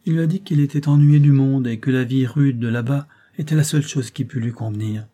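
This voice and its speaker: A man's voice: mid-range voice, brisk, dark tone, pitched above the performer's own voice, natural voice. A man voicing a whining, self-pitying old grandfather in an audiobook, complaining and ingratiating.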